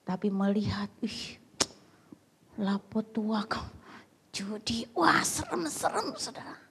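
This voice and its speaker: A woman pastor preaching a sermon, telling stories dramatically with lively swings and whispered asides. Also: mid-range voice, slow, breathy edge.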